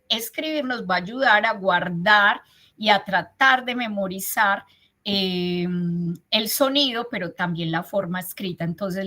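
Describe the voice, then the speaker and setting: A woman's voice: mid-range voice, bright, forceful tone. A woman with a Colombian Spanish accent giving a teacher training talk on teaching reading and writing, explaining step by step with frequent fillers. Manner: explanatory, uses fillers like "eh" and "entonces".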